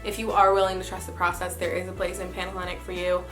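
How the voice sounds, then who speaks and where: A woman's voice: on the low side, monotone, quick pace, over music. A young woman talking in a chatty, informal way, giving casual advice in a vlog style. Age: young adult. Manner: chatty, informal, frequent "super" and "like". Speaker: sorority member giving recruitment advice. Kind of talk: casual advice vlog, reading messages and commenting.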